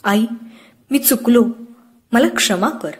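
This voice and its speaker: A woman's voice: a little high, lively intonation, slow pace. A woman voicing a frightened young village boy who pleads through tears. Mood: tearful. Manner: tearful, trembling pleas.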